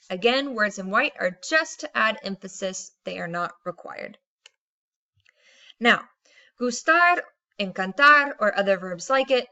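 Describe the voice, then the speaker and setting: A woman's voice: mid-range voice, bright, forceful tone, lo-fi sound. A woman teacher explaining grammar patiently in a recorded lesson, reading out Spanish examples.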